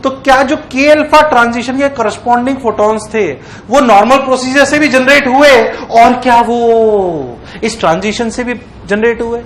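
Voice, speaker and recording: A man lecturing on physics in a lively way, often asking the class if it is clear. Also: very high-pitched, normal speed, few pauses, a little hiss or hum. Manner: acts out electrons in playful voices. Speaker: physics teacher. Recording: echoey classroom.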